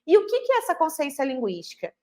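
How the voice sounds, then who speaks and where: A woman with a high voice and a Brazilian Portuguese accent teaches literacy in an online class. She explains patiently, often posing a question and answering it herself. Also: wildly swooping pitch, fast talker, darkish tone.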